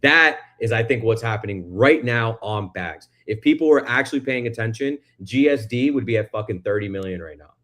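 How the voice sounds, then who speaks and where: A man hosting a casual livestream chat, loose and excitable, swearing freely. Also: mid-range voice, fairly quick, hardly any pauses. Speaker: stream host.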